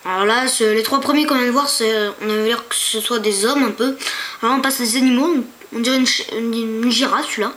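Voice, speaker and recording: Woman, high voice, casual screen-tour narrator, hesitant and chatty, talks straight to viewers, home computer mic. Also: steady tone, fairly quick, a bit bright. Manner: chatty, hesitant, stumbles over foreign names; talks to viewers with rhetorical questions. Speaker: YouTuber.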